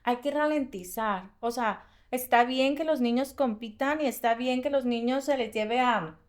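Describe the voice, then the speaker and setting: A woman with a Mexican accent, co-hosting a podcast and telling personal stories in a lively, fast-bursting way. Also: fairly high pitch. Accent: Mexican Spanish. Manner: animated storytelling, fast bursts, frequent laughs. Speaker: podcast co-host. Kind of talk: casual podcast conversation.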